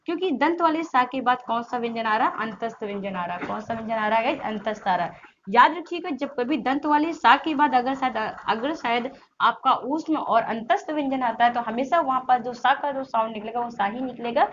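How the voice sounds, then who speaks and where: A woman's voice: on the high side, a little fast, a bit bright. A woman teaching an online exam-prep Hindi class, asking her students questions and repeating points as she explains. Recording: slightly dull lo-fi audio with faint hiss.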